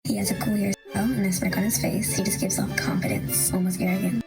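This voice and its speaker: A woman's voice: medium pitch, fairly even intonation, quick pace, vocal fry, darkish tone. A woman reading a scripted commentary that analyses lyrics, with music playing behind her. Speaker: commentator explaining song lyrics. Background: background music.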